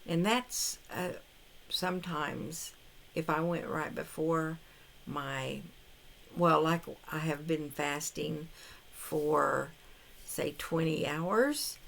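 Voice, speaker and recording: Slow, low-voiced older woman with a gravelly edge. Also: steady tone, a bit bright, slight background noise. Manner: rambling, hesitant, with many restarts. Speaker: vlogger on a carnivore diet challenge. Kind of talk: casual talking-to-camera vlog.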